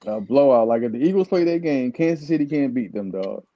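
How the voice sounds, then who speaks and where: A man's voice: medium pitch, lively intonation, brisk, highs cut off. A man co-hosting a podcast, chatting about football in a slangy way, always saying "dog" and "yo". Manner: slangy, says "dog" and "yo" constantly. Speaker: podcast co-host. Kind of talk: casual sports chat.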